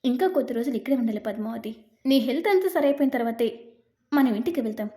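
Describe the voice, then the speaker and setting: A woman's voice: a little high, fast, dark tone, close to an everyday voice. Woman voicing a short-tempered young husband.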